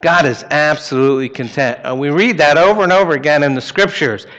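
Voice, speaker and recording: A middle-aged male pastor with an American accent delivers a sermon. His voice is slightly higher than most men's. He speaks plainly and conversationally, as if chatting with people he knows. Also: a little fast, fairly bright tone, dull audio. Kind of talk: sermon with prayer and personal anecdotes.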